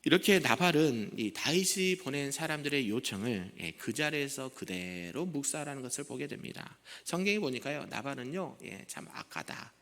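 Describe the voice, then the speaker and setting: A man's voice: mid-range voice, expressive, normal speed, few pauses, fairly bright tone, long reverb tail. A male senior pastor giving an early morning prayer sermon, conversational, often putting questions to the congregation. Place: church sanctuary.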